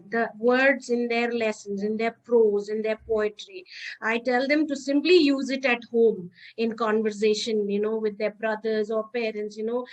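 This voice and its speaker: A woman with an Indian English accent hosts a podcast interview in a fairly high voice. She gives warm thanks and often repeats words as she restarts her sentences. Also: poor audio. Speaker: podcast host. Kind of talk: casual interview wrap-up.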